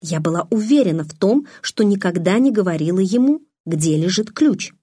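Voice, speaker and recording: A woman narrating a novel in the first person, in an even, measured storytelling manner. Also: mid-range voice, breathy edge, dry recording, studio quality. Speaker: audiobook narrator.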